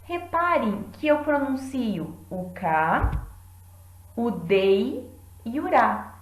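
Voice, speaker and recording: Slow, clear-speaking teacher woman, echoey room. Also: a little high, sing-song, slight background noise. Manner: clear, deliberate, claps out syllables. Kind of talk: classroom lesson.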